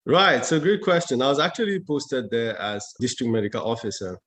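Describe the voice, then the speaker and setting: A man from Cameroon, a cardiologist guest, speaking in a measured way and repeating words as he thinks. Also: medium pitch, a bit bright, a little hiss or hum. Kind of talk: conversational interview.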